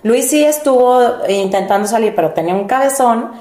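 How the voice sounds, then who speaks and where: A woman in a casual group chat, calmly recounting her experience. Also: on the high side, brisk. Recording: echoey room.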